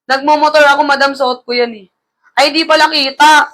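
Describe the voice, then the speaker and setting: A woman selling clothes on a livestream, tired after shouting earlier, talking in a brisk, repetitive sales patter with a slightly gravelly sound through her mic. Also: high voice, steady tone. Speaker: online live seller. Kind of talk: live-selling sales pitch. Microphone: close-up streaming mic.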